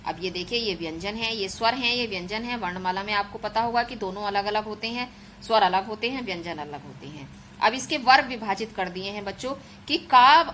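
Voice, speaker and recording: A woman's voice: medium pitch, fairly quick, sharp tone, a little hiss or hum, low-quality recording. Patient woman teacher explaining grammar. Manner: patient, explains step by step, stretches out sounds as examples; addresses pupils as children. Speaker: school teacher. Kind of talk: online Hindi grammar lesson.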